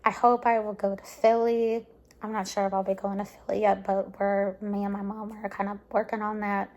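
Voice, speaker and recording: A woman's voice: medium pitch, flat delivery, moderate pace, muffled recording. Gushing young woman, filler-heavy, tired. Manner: soft, drops into quiet near-whispers at times. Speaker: vlogger. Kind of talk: casual recap vlog to camera.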